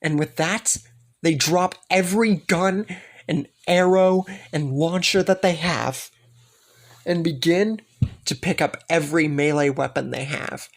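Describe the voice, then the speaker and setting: A young man narrating a fan-made story in a slow, dramatic way, repeating words for emphasis. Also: fairly high pitch.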